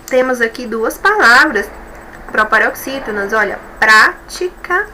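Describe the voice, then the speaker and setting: A woman teacher with a Brazilian Portuguese accent explains each step slowly and patiently, checking again and again that her students follow. Her voice is bright and sits a little high. A faint hiss runs under the recording. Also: rough recording. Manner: slow, explanatory, repeats rules and checks with "tá bom?". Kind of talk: recorded school review lesson.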